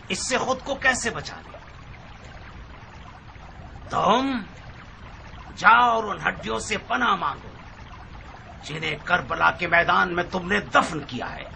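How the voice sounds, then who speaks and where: A cold gravelly official. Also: male voice, sits high, sharp tone, a little hiss or hum, full character voice. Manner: cold, menacing. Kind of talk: dubbed historical drama.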